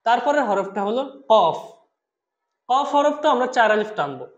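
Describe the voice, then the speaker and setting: A patient teacher explaining Arabic letter pronunciation step by step, drawing each sound out slowly and asking listeners to repeat. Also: mid-range voice, very animated, roomy sound, lo-fi sound. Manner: slow, drawn-out demonstrations of each letter sound. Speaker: Quran recitation teacher.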